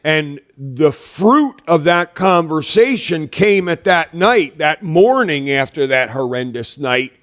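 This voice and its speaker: A man who teaches wilderness classes recounting a personal spiritual experience, slow and emphatic, rising to loud peaks then sinking low. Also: animated. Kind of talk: spoken personal recollection.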